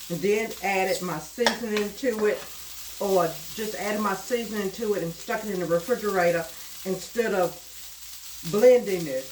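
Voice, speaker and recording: A middle-aged cooking channel host walks her viewers through a recipe at the stove, chatty and homey, calling them y'all. A lingering cold leaves her medium-pitched voice stuffed up and slightly nasal. Her kitchen sounds roomy, and a loud sizzle and frying from the pan add background noise.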